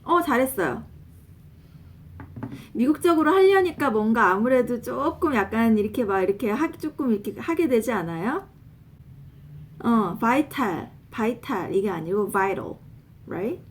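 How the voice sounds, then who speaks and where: Lively woman coaching pronunciation. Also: fairly high pitch. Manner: drills words slowly, letter by letter; animated, laughs often. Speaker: English pronunciation teacher, nurse.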